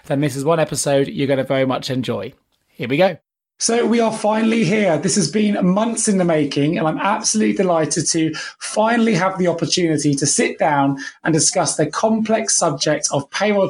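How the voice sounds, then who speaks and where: A man hosts a podcast while nursing a head cold. His voice sits fairly high and sounds froggy and congested. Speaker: podcast host. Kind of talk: podcast hosting.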